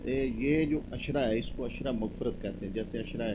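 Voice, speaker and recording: A man's voice: mid-range voice, normal speed, noisy background. A man hosting a religious talk show, courteous and full of pious interjections. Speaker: host.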